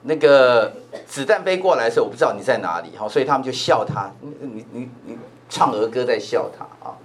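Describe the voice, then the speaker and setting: A male pastor with a Taiwanese Mandarin accent, teaching a Bible class in a lively, chatty manner full of filler particles. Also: mid-range voice, brisk. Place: church classroom.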